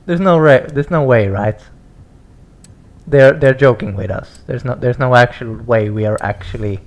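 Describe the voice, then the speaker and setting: A young man hosting a racing game let's-play, excitable and stammering, laughing and swearing as he reacts. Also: medium pitch, moderate pace, dull audio. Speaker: gaming channel host.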